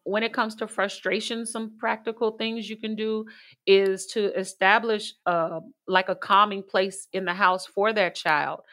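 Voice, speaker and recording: A woman's voice: mid-range voice, fairly even intonation, measured pace. A middle-aged woman talking casually as a parenting expert, telling stories with light laughs and frequent fillers. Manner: warm storytelling with light laughs, many fillers. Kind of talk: conversational advice.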